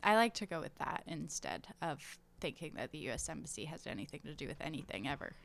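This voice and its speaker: A woman co-hosting a podcast in easygoing casual chat, quick to agree. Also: deep voice, sing-song, vocal fry, a bit bright. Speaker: podcast co-host.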